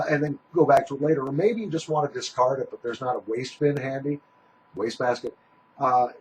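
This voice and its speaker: A man chats through a casual review with a very lively, swinging pitch. He talks with a small pouch tucked in his lip, in a folksy, rambling way. Steady background noise sits behind his voice. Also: poor audio. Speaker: product reviewer.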